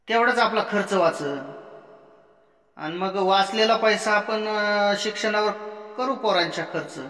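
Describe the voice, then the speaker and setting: A man's voice: high-pitched, sharp tone, pitched above the performer's own voice. A man voicing a worried younger village brother who pleads with his elder brother, recorded in a roomy space. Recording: roomy echo.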